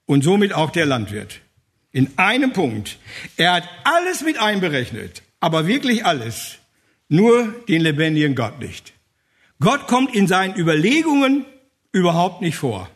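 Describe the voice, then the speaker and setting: A man preaching a sermon emphatically, repeating phrases for weight. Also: high-pitched.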